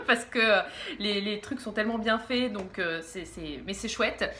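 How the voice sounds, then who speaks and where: A woman's voice: medium pitch, sharp tone, a little hiss or hum. Giggly, groggy young Frenchwoman reviewing books. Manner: giggly, halting, stumbles over words. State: groggy from medication. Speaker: book vlogger. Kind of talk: casual book review.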